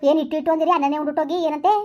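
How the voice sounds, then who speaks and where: A woman's voice: sits high, little pitch movement, very fast, darkish tone, lo-fi sound, natural voice. A woman playing a harried young village housewife with a baby, who talks back defiantly and complains in a comedy skit. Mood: complaining.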